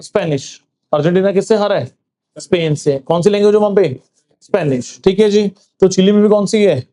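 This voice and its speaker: High-voiced, mellow male teacher. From Punjab, India. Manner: quizzing, asks then answers with "sir", slows for reading English facts. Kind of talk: classroom exam-prep lecture.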